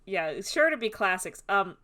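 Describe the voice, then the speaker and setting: A woman's voice: medium pitch, sing-song, moderate pace, sharp tone. A woman co-hosting a podcast in casual chat, rambling with many fillers and often breaking into giggles. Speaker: podcast co-host.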